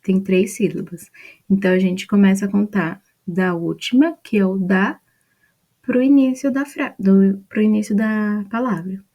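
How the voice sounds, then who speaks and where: A woman's voice: mid-range voice, measured pace, dark tone. A woman with a Brazilian Portuguese accent, patiently explaining grammar rules step by step from a mind map. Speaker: student presenting a study mind map.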